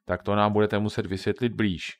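Storybook villain-ish chief, read by a man: big, gruff, loud, scolding. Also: flat delivery, no room sound, natural voice. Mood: gruff, stern. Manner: booming, stern and threatening. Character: huge bearlike man, gruff angry camp chief.

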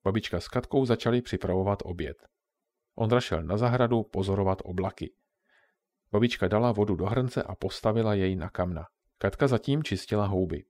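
A man calmly narrating a children's story. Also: fairly low pitch, no echo.

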